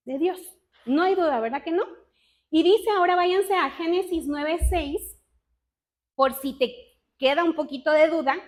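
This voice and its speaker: A woman with a high voice leads a casual Bible teaching for a women's group. She talks in a chatty, self-mocking way and keeps asking her listeners questions. When she reads scripture she slows down and weighs each word. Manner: reads scripture slowly and deliberately. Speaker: women's ministry speaker.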